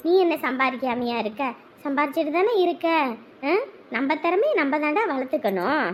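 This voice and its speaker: Brief: woman as a tired mother, high-pitched, soothing then scolding, family comedy sketch. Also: animated, normal speed, slight background noise. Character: weary mother refereeing her bickering sons.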